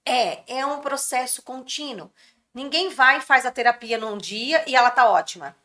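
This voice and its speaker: Speaking at normal speed in a high, sharp-toned voice, a woman explains workplace mental health as a podcast guest. She is earnest, occasionally acts out quoted speech, and grew up speaking Brazilian Portuguese.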